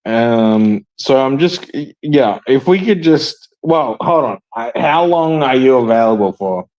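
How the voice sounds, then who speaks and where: A man's voice: mid-range voice, animated, unhurried, darkish tone, low-quality recording. A man hosting a casual podcast chat, rambling and hesitant with many fillers and frequent laughs. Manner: laughs often. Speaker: podcast host.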